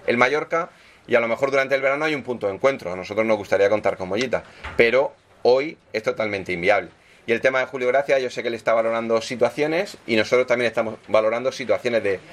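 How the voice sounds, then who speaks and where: A man's voice: lowish voice, slight background noise. A man speaking as a football club executive at a press conference, explaining deals and signings and ending his points with tag questions.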